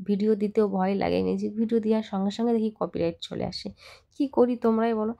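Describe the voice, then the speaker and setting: A young woman talking fast and freely in a home vlog voice-over. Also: mid-range voice, gravelly, warm tone. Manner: fast, chatty, talks a lot. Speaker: vlogger. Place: home, voice recorded later as voice-over.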